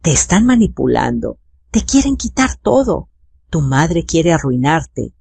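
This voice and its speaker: A narrator voicing a manipulative young daughter-in-law who pleads and speaks frantically. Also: female voice, sits low, very animated, a little slow, creaky, a little mellow, breathy edge, dry recording, full character voice. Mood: desperate.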